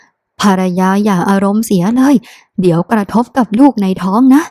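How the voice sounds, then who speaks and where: A woman voicing a young male clan lord who anxiously pleads with his wife, speaking slowly and softly in a storybook reading. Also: medium pitch, no room sound, clean studio sound, lightly acted. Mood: pleading. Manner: soft, pleading, slow and measured.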